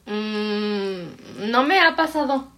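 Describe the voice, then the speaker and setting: A woman's voice: mid-range voice, animated, drawn-out words, a bit bright, faint music behind. A woman in a casual chat, giving short reactions and laughing along.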